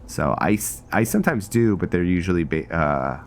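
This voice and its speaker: A man's voice: deep voice, expressive, moderate pace, very noisy. A man giving casual let's-play commentary on a role-play game, thinking aloud in rambling, broken-off phrases. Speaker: gameplay host.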